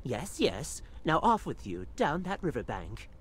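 A woman's voice: rumbling low, very animated, a little slow, slight background noise, heavily acted. A woman voicing a genteel, fussy old rat who walks with a cane, speaking in a polite, old-fashioned way.

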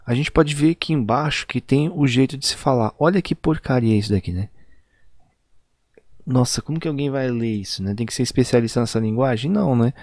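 Brazilian guy giving a casual lesson, drags out words super slow to demo them, dead dry sound. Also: medium pitch, a little mellow, dry recording. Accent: Brazilian Portuguese. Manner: chatty, keeps tagging lines with "né?" and "tá?", draws out example words very slowly. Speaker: English teacher. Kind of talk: casual online video lesson.

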